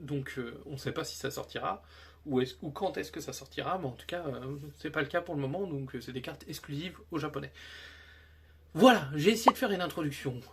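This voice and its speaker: A man's voice: a little high, fairly quick, fairly bright tone, husky. A man chatting casually to his viewers as a collector, enthusiastic and rambling, with many fillers and restarts. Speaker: card collector YouTuber. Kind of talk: casual chat to camera.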